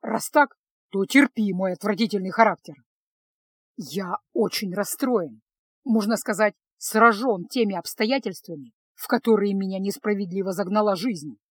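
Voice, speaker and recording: A woman reading a storybook, voicing a gruff, sardonic male mage in a curt, grumbling manner. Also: mid-range voice, moderate pace, close to an everyday voice. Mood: irritated.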